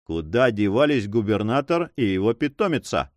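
A man voicing a cold, ruthless pirate leader who speaks in an icy, mocking, unhurried way. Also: on the low side, big pitch swings, darkish tone, no echo, voice pushed down.

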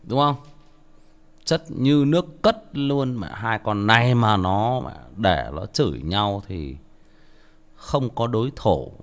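A man's voice: fairly low pitch, lively intonation, slow. A male audiobook narrator, tired, reading a story and then chatting casually with many restarts.

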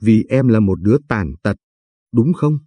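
A man voicing a shy, polite young woman with a limp, speaking softly and timidly in a storybook reading. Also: lowish voice, lively intonation, moderate pace, husky, no echo. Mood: hurt, gentle.

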